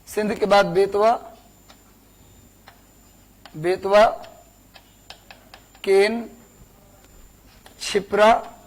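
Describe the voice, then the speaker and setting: A man's voice: high voice, steady tone, drawn-out words, long pauses, low-quality recording. A young man, teaching a class, repeating words for dictation and asking the students questions. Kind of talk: classroom lecture.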